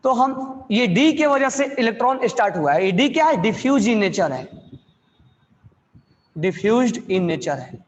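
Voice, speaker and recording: A male chemistry teacher giving a classroom lecture, asking questions and answering them himself, repeating key phrases slowly. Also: extremely high pitch, animated, long reverb tail, lo-fi sound. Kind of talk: classroom lecture in Hindi mixed with English.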